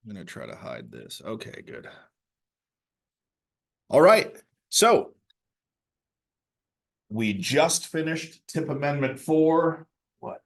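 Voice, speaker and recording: Man, planning staff, meeting presenter, fairly low voice, dry humor, hesitant restarts. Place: meeting room.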